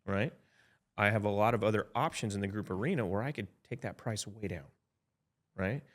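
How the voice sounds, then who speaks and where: Low-voiced chatty man in his fifties. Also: a little fast. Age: 50s. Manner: chatty, frequent "right?" tag checks and restarts. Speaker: health insurance advisor. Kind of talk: casual podcast explanation.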